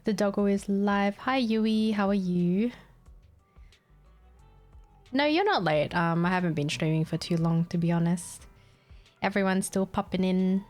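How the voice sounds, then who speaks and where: A tired, giggly woman game streamer from Australia, whose first language is Vietnamese, chats casually on a live stream while gaming. Her voice is medium-pitched and darkish, with a measured pace and frequent pauses, and faint music plays behind her. She comes across as scatterbrained and reads chat aloud.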